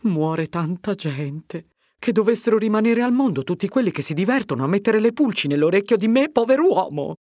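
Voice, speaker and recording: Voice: medium pitch, expressive, fairly quick, darkish tone, no echo, studio quality, voice pushed up, natural voice. A reader voicing a fretful, self-pitying old male priest who grumbles about his troubles. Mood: grumbling.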